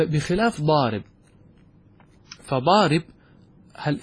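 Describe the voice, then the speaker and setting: A man's voice: medium pitch, a little hiss or hum. A man, a sheikh, giving a grammar lesson, explaining step by step and often checking that his students follow. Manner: explains step by step, checks understanding with quick questions. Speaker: sheikh teaching Arabic grammar. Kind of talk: classroom lecture.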